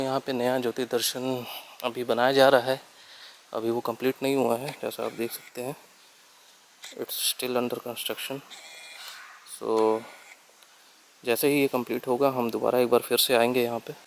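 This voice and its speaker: A man's voice: mid-range voice, a bit bright, a little hiss or hum. A young man, a travel vlogger walking outdoors through a temple site and talking to his viewers, mixing in English words. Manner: friendly, addresses viewers as friends, mixes English words. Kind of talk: travel vlog narration. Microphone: handheld camera mic.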